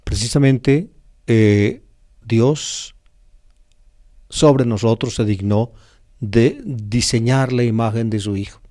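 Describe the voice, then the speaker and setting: Priest with a dark, mellow voice. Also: male voice, lowish voice. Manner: teacherly, explains slowly with many fillers and restarts. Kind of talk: gospel reflection sermon.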